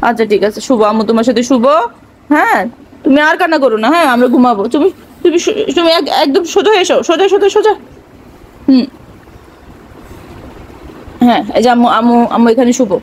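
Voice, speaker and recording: A woman's voice: high-pitched, lively intonation, fast talker, pauses often, rough recording. A young woman vlogging at home, tenderly coaxing her crying child with repeated endearments, weary and distressed.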